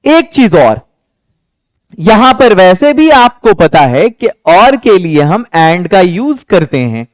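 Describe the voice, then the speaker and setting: A young man teaching a spoken English lesson, patiently explaining and slowly repeating example sentences. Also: high-pitched, sing-song, no room sound.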